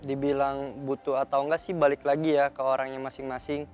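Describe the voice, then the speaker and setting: A young man in his twenties gives his view in a flat, matter-of-fact way. The recording sounds dull and lo-fi, with faint music underneath. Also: mid-range voice, brisk. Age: 20s. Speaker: student participant.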